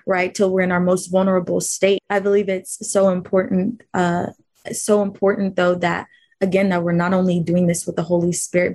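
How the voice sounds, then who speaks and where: A woman's voice: on the low side, darkish tone, no echo. Earnest woman in faith discussion. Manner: earnest and emphatic, with tag questions. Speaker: podcast co-host.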